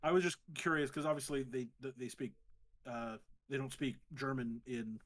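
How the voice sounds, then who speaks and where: Casting: man, thirties, standard American accent, mid-pitched, casual podcast banter with halting, self-interrupting delivery. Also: fairly even intonation, fairly bright tone. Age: 30s. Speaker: podcast co-host. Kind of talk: casual chat.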